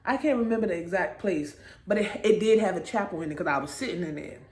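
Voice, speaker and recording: A woman's voice: on the low side, lively intonation, fast, darkish tone. A young woman in her twenties telling a personal story to camera in a casual, conversational way, checking in with viewers with little asides. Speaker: vlogger. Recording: roomy echo.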